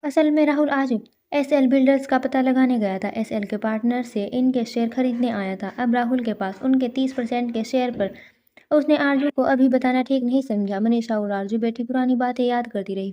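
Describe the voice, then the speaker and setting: Woman narrator, raised pitch, unhurried story reading with slips, dull lo-fi audio. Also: steady tone, warm tone. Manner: unhurried reading with frequent restarts and fillers. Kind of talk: reading a serialized romance story aloud. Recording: muffled lo-fi recording.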